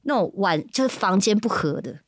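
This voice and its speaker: A woman's voice: mid-range voice, brisk. A Taiwanese woman hosting a podcast, telling a travel story in casual chat with a Taiwanese Mandarin accent and acting out the dialogue. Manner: animated storyteller who acts out quoted dialogue. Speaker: podcast host. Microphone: studio microphone.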